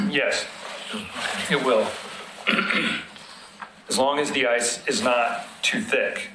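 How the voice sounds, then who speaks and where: A man's voice: medium pitch, steady tone, very slow, pushed and bright, slight background noise. A man from city road maintenance explaining winter operations to a committee in a plain, practical way, using everyday examples. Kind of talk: public committee meeting discussion. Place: council meeting room. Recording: echoey meeting room.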